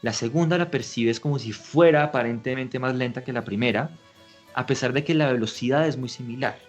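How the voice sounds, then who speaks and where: A man's voice: mid-range voice, lo-fi sound. A man, an orchestra conductor, giving a lecture on music in an explanatory way, often asking his listeners rhetorical questions. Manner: acts out shouted and slowed example lines.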